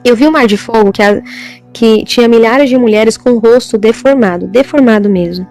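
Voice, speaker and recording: Woman, fairly high voice, halting testimony, faint music behind. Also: darkish tone. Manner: halting, repetitive, with frequent "amém?". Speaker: church member giving testimony. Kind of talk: religious testimony.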